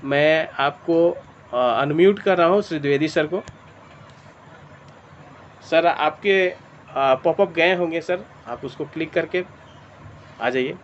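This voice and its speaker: A man's voice: fairly high pitch, takes it slowly, long pauses. A man presenting a money plan in an online meeting, walking through the figures step by step and calling the audience dear friends. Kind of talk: sales presentation over a video meeting. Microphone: clip-on mic. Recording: dull lo-fi call audio with faint noise.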